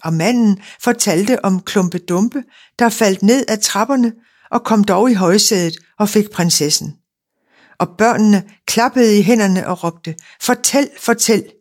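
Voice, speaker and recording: A woman narrating a fairy tale in a calm, measured reading. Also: medium pitch.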